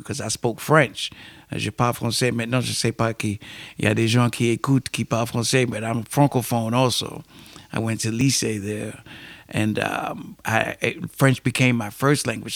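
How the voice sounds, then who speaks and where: Gravelly and medium in pitch, this middle-aged American man's New York-accented voice carries a thoughtful life story told as an interview guest, full of fillers. He is a poet and musician, and the recording has no room sound.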